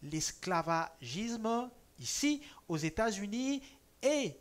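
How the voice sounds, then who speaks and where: A talk-show host presenting the program and quiz in a measured, announcer-like way with small hesitations. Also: medium pitch, very animated.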